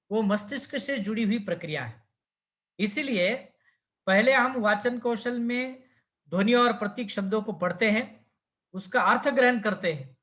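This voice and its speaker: A man's voice: high-pitched, a bit bright. A male teacher giving a lecture, explaining step by step with fillers and self-corrections. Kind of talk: lecture on language skills.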